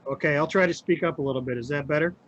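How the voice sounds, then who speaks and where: A middle-aged man, a county administrator, giving a formal, halting presentation to a committee over a crackly remote phone line that fades in and out. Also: fairly high pitch, fairly bright tone. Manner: halting, with many filler sounds. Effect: crackly remote phone line, fading in and out.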